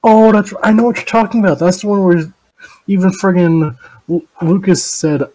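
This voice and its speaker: A man's voice: high voice, steady tone, moderate pace, darkish tone, poor audio. A man chatting on a voice call, blunt and swearing, cutting in with short remarks. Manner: blunt, swears, interjects briefly. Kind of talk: casual chat on a voice call.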